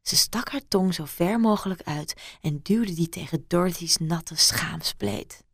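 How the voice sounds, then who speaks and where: Soft-spoken woman reading a story. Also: lowish voice, measured pace, gravelly, breathy edge, no echo, studio quality. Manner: soft, hushed reading, often dropping to a whisper. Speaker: narrator. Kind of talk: scripted adult story narration.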